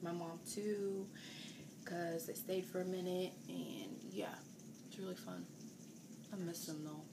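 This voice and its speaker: A woman's voice: on the low side, unhurried. Chatty young woman, noisy home recording. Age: 20s. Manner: chatty, rambling, with fillers. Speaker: vlogger. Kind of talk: casual chat.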